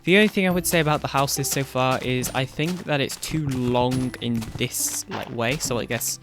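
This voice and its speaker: A man's voice: mid-range voice, normal speed. A young man giving casual gameplay commentary as a video host, rambling and correcting himself, with a groggy morning voice. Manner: rambling, self-correcting, chuckles often. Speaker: gaming YouTuber. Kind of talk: casual Let's Play commentary. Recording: faint background music.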